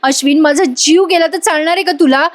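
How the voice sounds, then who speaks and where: Woman voicing a scheming young wife, pleading and stammering, high. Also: a little fast, close to an everyday voice.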